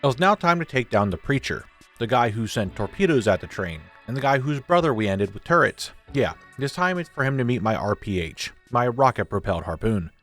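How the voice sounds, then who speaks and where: A man's voice: medium pitch, very animated, a little fast, fairly bright tone, soft background music. A young man giving a casual, joking scripted recap of his video game playthrough. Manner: informal, joking, occasional swearing. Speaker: gaming video creator.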